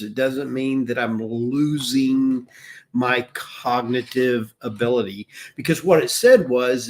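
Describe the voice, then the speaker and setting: A man in his sixties in casual live-stream talk, earnest and rambling, often restarting his sentences. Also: mid-range voice. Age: 60s. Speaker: wellness business owner.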